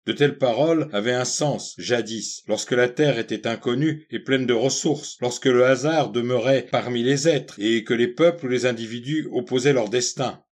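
Man narrating a story in measured tones. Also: medium pitch. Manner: measured, literary reading. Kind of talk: scripted audiobook narration.

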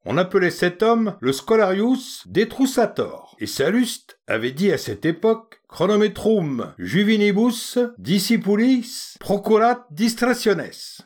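Male reader as a solemn, pompous sham uncle who lectures; raised, pitched-up delivery, storybook. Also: big pitch swings, a little slow, few pauses, heavily acted. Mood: solemn lecturing. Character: pompous mock-Latin quoting man posing as uncle.

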